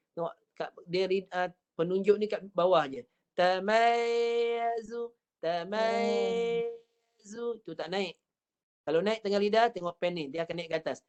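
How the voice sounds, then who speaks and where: A woman with a Malaysian accent leads an online recitation lesson over a video call. Her pitch sits in an ordinary middle range. She stretches out example sounds slowly and repeats them with patience. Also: darkish tone, smooth. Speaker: Quran recitation teacher.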